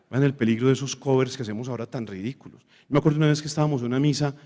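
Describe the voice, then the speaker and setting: Priest, mellow voice, animated teaching with bits of sung hymn, long hall reverb. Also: male voice, mid-range voice. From Colombia. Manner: animated, sings snatches of hymns and acts out quotes. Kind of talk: liturgy talk.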